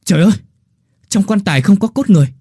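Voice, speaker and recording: A man voicing an alarmed young village gravedigger who shouts up from a grave. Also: high voice, lively intonation, quick pace, husky, no room sound, clean studio sound, pitched above the performer's own voice, exaggerated voice.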